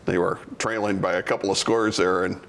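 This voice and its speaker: A man's voice: low-pitched, fairly even intonation, fairly quick, creaky, a bit bright, slight background noise. A man co-hosting a sports talk show, casual and teasing, throwing questions to the panel.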